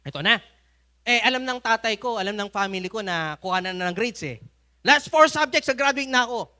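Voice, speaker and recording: A man's voice: high-pitched, lively intonation, fairly quick, sharp tone. A man with a Filipino accent preaching a sermon at a church service, telling stories with humor and frequent laughter. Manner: humorous storytelling, laughs often.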